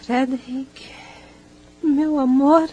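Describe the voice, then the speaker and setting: Dying lovesick young heroine, delirious, high-pitched, slow halting pleas, radio melodrama. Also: female voice, steady tone, warm tone. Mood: tender, weak. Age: young adult. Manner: plaintive, halting. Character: delirious, dying young woman pining for her lover. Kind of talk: melodramatic radio drama acting.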